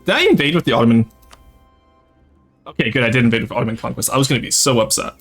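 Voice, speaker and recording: Very fast and a bit bright, this medium-pitched husky voice belongs to a young French Canadian streamer from Quebec, Canada, with a light Québécois accent. Soft music plays behind as he chats casually with viewers while playing a strategy game. In this casual gameplay livestream he's chatty, reading and answering chat as he plays.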